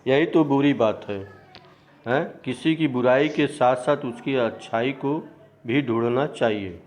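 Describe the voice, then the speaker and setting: A man reading the part of a wise, kindly male moon figure from a school play, in a calm, instructive way. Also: mid-range voice, a little slow, close to an everyday voice. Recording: dull lo-fi recording.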